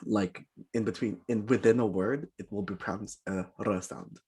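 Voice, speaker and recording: A man's voice: on the low side, fairly even intonation, moderate pace, a little mellow, breathy edge. A man helping to teach an online language class, explaining words in an informal way.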